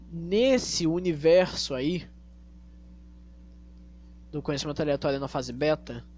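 A Brazilian man hosting a casual monologue to his listeners, speaking with a tongue-tied, slushy s and deliberate, repetitive phrasing. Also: on the high side, a little mellow. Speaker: podcast host. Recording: dull lo-fi audio, faint hum.

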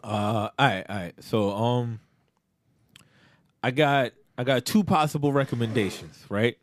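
A man's voice: medium pitch, unhurried, slight background noise. A man co-hosting a podcast in casual chat, laid-back, with short reactions and casual swearing. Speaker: podcast co-host.

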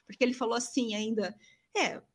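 Animated Brazilian woman telling stories. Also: on the high side, normal speed. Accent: Brazilian Portuguese. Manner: animated, chatty, constant tag questions. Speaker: university professor and guest. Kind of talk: casual storytelling in a conversation.

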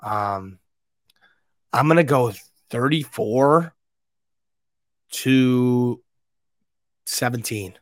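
A hoarse man co-hosting a casual sports podcast, brash and swearing as he makes his picks. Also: medium pitch, animated, very slow, pauses often, no echo, clean studio sound. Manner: brash, swears, trash-talks teams. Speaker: podcast co-host.

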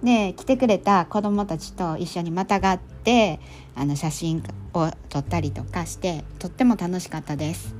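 A middle-aged woman with a Kansai accent recounting her recent events in an easygoing monologue. Her voice is warm and mellow, her talk full of little fillers and relaxed turns of phrase, and soft music plays faintly behind her. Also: on the low side, normal speed, few pauses. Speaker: storytelling volunteer and podcast host. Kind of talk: casual monologue recap.

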